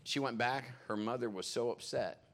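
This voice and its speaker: A man's voice: medium pitch, moderate pace. A man as a pastor, preaching in a church service and telling stories in a conversational way. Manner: conversational, animated retelling with acted-out quotes. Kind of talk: sermon storytelling.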